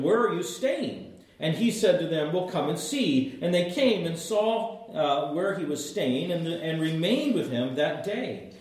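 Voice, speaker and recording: A man's voice: fairly high pitch, a little mellow. A man teaching the Bible, explaining scripture emphatically and restating his points for learners. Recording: very echoey room.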